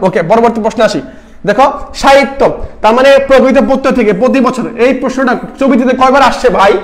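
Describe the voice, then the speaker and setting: A young-sounding man runs an exam-prep lesson at a fast clip. He fires questions at his students, answers them himself and repeats the key point. The talk is loose and casual, like a tutor among his own pupils. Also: very high-pitched. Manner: sings short song lines to make a point. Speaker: admission test tutor.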